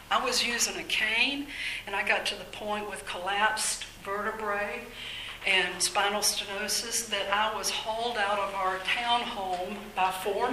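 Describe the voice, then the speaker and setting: Slow, earnest older woman speaker. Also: mid-range voice, bright, forceful tone, a little hiss or hum. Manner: earnest, measured, faith-minded. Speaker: speaker at a workshop on mental illness. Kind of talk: informal talk to an audience. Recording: echoey room.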